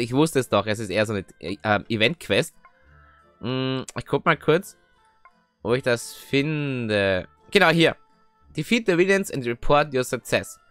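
A young man giving chatty, excitable let's play commentary, often tagging his sentences with little questions. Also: mid-range voice, no echo. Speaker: gaming video host. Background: faint game music.

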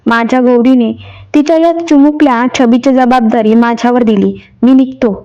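A woman reads out a heartbroken young husband in a storybook tale, pleading and then firm and bitter. The voice sits fairly high, and the recording sounds a bit dull and lo-fi. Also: steady tone, normal speed, dark tone, natural voice. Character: grieving young husband, man, heartbroken and defiant.

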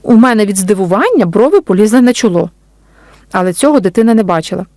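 A woman author reading her storybook aloud in a gentle, unhurried way. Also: medium pitch, lively intonation, no room sound, studio quality. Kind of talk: storybook narration.

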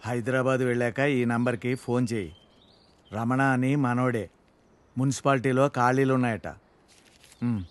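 A man's voice: mid-range voice, flat delivery, normal speed, pauses often, lightly acted. An actor playing a worried middle-aged village father who speaks earnestly. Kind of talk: film drama.

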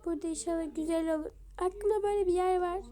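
A woman with a high but fairly flat voice talks her viewers through a building game in a casual, chatty way. Her tone is soft and mellow, and she drifts into quiet muttering as she works. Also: quick pace. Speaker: game video creator. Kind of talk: casual gameplay commentary.

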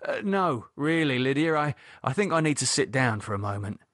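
A man's voice: mid-range voice, sing-song, brisk, fairly bright tone, dry recording, studio quality, pitched above the performer's own voice. A man voicing a reluctant young guest, hesitant and stammering. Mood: uneasy.

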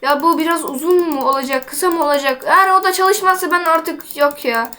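A woman's voice: high voice, pushed and bright. A woman giving casual gameplay commentary, chatting to herself and her viewers while she builds. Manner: chatty, talks to herself while playing, quick exclamations. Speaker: gaming channel host.

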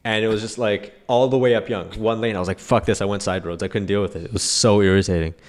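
A man's voice: on the low side, fairly even intonation, fast. Blunt, slangy Toronto man. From Toronto, Canada. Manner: blunt, slangy, sweary complaining. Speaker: podcast co-host. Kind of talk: casual banter. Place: small indoor podcast studio. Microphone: close boom-arm podcast microphone.

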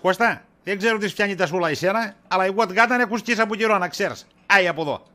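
A man's voice: sits high, bright, forceful tone. A man playing a tired middle-aged shopkeeper in a comedy sketch, exasperated and dodging his wife's questions with wisecracks. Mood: annoyed. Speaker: husband.

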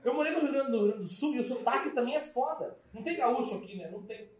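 A man's voice: very high-pitched, animated, quick pace. A man from Paraná with a Paraná accent, doing a stand-up set with brash, teasing crowd work on a comedy club stage. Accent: Paraná Brazilian Portuguese. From Paraná, Brazil. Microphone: handheld stage mic. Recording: echoey club with loud audience laughter.

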